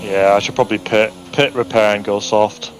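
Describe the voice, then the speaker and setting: A man streaming a sim race, calmly talking through pit strategy in casual chat. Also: fairly low pitch, over music, low-quality recording. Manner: calm, measured, thinks strategy aloud. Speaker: streamer racing online.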